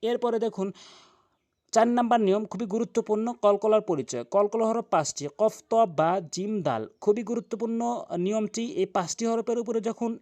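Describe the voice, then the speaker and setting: High-voiced man teaching recitation. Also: darkish tone. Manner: emphatic, repeats example sounds slowly. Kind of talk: explanatory lesson.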